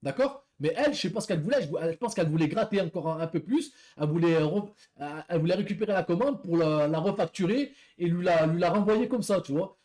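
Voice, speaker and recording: A man's voice: high voice, animated, quick pace, hardly any pauses, darkish tone. A man who works as a delivery rider, telling a story in a casual, rambling way, repeating words and talking to viewers as friends.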